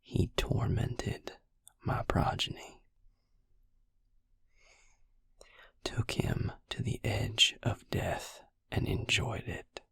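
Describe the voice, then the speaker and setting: In an intimate audio roleplay, a man voices a protective, wry male vampire, speaking low and unhurried in a heavily fried, husky half-whisper that is gravelly and breathy. He sounds exasperated but close, addressing the listener directly in a dry, tight space with no echo and a fairly bright tone. He commits fully to the character voice, and the mood is grave and earnest.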